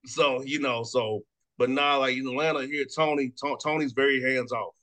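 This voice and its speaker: A man in his thirties, a sports radio host, talking fast and casually, repeating words and laughing often. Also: mid-range voice, fairly even intonation, bright, forceful tone. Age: 30s. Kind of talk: casual sports talk interview.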